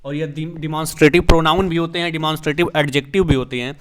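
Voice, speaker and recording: A man's voice: a little high, steady tone, rapid-fire, smooth. A man, teaching English grammar as a teacher, explaining step by step and answering his own questions. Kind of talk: classroom lesson explaining grammar.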